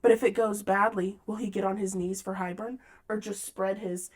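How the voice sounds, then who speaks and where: A woman's voice: medium pitch, fairly even intonation, moderate pace. A woman hosting a casual book-club chat, recapping scenes and reading passages aloud. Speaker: podcast host.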